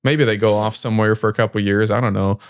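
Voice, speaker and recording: An American podcast host from small-town Missouri speaks casually and conversationally, joking in a self-deprecating way. His voice is on the low side with a steady, clean tone, and he talks at a quick pace.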